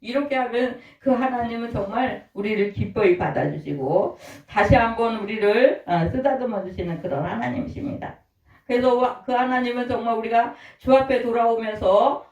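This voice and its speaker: A man preaching a sermon as pastor, often putting rhetorical questions to the congregation. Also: high voice. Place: church sanctuary. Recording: roomy, distant, dull-sounding church recording.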